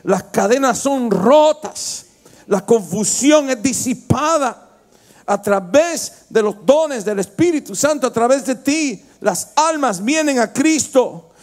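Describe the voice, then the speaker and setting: A male pastor preaching a sermon with passion, moving from quiet, intimate storytelling to loud, shouted exhortation. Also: very high voice, expressive, slow pace. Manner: impassioned preaching, swings from hushed to shouting.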